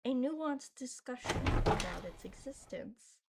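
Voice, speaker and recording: A young woman hosts a gaming video, giving casual commentary while she plays: chatty, rambling, self-deprecating, and full of fillers. Her high-pitched voice is animated and a little slow, and the very noisy recording has loud game music behind it.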